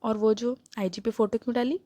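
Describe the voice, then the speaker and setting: A woman voicing an irritated, sharp-tongued young woman who snaps back. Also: a little high, steady tone, a little fast, dry recording, close to an everyday voice. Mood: annoyed. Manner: snappy annoyed retorts.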